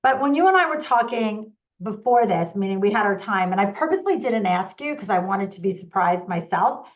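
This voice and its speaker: A woman's voice: medium pitch, animated, fairly quick. Enthusiastic woman hosting a call. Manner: enthusiastic, interjects, repeats key points. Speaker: host, parenting coach. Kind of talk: conversational interview. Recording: slightly dull lo-fi call audio.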